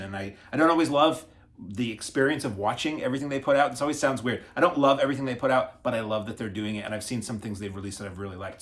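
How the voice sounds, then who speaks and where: A man hosting a casual unboxing video, chatty and self-deprecating as he stumbles over foreign names. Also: fairly low pitch. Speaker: video host reviewing disc releases.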